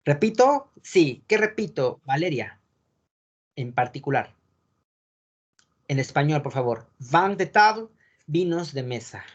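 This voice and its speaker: A man teaching an online wine course over a video call, explaining patiently and often checking in with quick tag questions. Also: fairly high pitch, animated, a little mellow, breathy edge, dull audio. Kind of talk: online class lecture.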